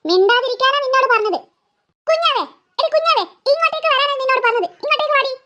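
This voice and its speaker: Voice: extremely high pitch, fast talker, noisy background. A performer voicing an impatient mother who scolds and threatens her daughter. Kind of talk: cartoon voice acting.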